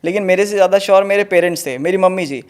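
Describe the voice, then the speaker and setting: A man's voice: high voice, rapid-fire. A young man in his twenties, a guest in an interview, telling his story earnestly and often addressing the host as "sir". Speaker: interview guest, exam topper. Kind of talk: conversational interview.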